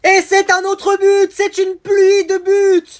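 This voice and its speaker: Very high-pitched voice, frantic football commentator, breathless play-by-play, done by a sketch performer. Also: completely flat delivery, slow. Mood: excited. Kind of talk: sketch comedy.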